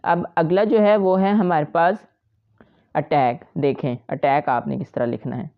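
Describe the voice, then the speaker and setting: A woman with a lowish, smooth, resonant voice talks students through a shorthand lesson. She explains each outline patiently and repeats herself often. The recording sounds a little dull and lo-fi. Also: steady tone, measured pace. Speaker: shorthand teacher. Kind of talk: step-by-step tutorial.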